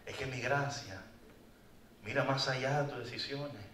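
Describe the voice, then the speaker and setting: A man voicing God as a loving, patient shepherd who gently reassures a lost sheep, speaking low and hushed within a sermon. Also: measured pace, slight background noise, lightly acted. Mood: tender. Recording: echoey hall from far off.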